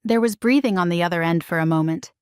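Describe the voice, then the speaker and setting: A middle-aged woman narrating a first-person story in a calm, measured way. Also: on the low side, clear, resonant tone, no room sound, studio quality. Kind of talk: scripted narration.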